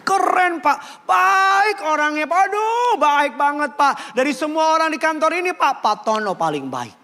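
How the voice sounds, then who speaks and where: An office coworker with a high, excited voice, heaping breathless praise on a colleague, as a preacher puts him on. The delivery is drawn out and effusive, climbing well above a normal speaking voice. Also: male voice, a little slow, heavily acted. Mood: gushing.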